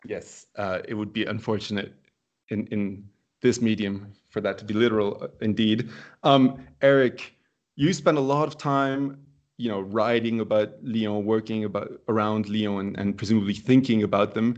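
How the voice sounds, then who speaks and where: A man hosting a casual football podcast, playful and quick to laugh. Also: on the low side, fairly even intonation, muffled recording. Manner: playful, laughs often, drawn-out exclamations. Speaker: podcast host.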